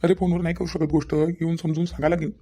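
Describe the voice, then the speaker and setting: A woman voicing a low, mellow-voiced evasive young fiancé. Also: flat delivery, quick pace, close to an everyday voice. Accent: Vidarbha Marathi. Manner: pleading, dodging, keeps promising to explain later. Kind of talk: cartoon voice acting.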